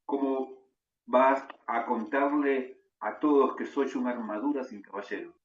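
A man with a Rioplatense Spanish accent teaching a religious class, animated and storytelling, often tagging "no?" onto his sentences. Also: medium pitch, measured pace. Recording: distant, roomy, dull sound.

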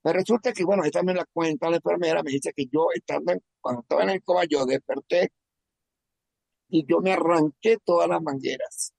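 A man from Venezuela telling a personal testimony in a halting, emotional way, often repeating words. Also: a little high, vocal fry, darkish tone, no echo. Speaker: testimony speaker.

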